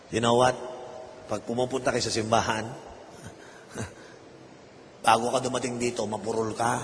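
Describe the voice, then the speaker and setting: Pastor preaching in a reverberant hall. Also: male voice, lowish voice. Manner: mixes Tagalog with English phrases, asks the congregation questions. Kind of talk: sermon. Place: church. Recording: reverberant hall, faint noise.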